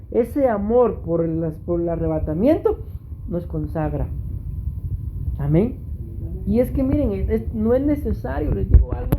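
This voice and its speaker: Man, Costa Rican accent, pastor, sermon, mellow voice, speaks to the congregation. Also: high voice, a little hiss or hum. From Costa Rica. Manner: preaching, repeatedly addressing the congregation.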